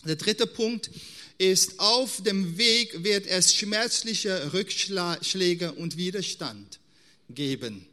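A man preaching a sermon in an earnest, unhurried way. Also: high voice, animated, pushed and bright. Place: church hall. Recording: long hall reverb.

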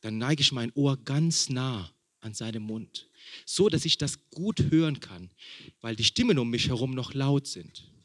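A man preaching a sermon in German, a father, who builds emphasis with repeated phrases and questions to the congregation and drops to a hushed tone for intimate points. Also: mid-range voice, animated, a little slow, no echo, studio quality. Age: young adult or middle-aged, father of a small son. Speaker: pastor.

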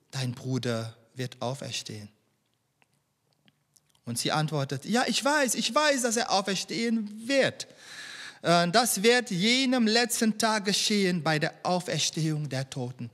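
High-voiced preacher in a reverberant hall. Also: male voice, a bit bright. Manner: rhetorical questions, emphatic pauses. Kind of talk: sermon.

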